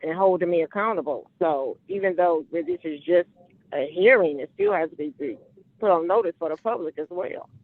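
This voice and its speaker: On a phone-line recording of a court hearing, a woman speaking as the defendant argues insistently, repeating her questions and objections. Her voice is fairly low, expressive, and creaky, at normal speed.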